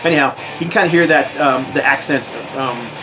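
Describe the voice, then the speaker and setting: A metal record collector vlogger from the US, speaking fairly quickly in a medium-pitched voice, rambles through a casual show-and-tell of records from his collection, with lots of fillers and restarts. Music plays in the background, and the recording quality is low.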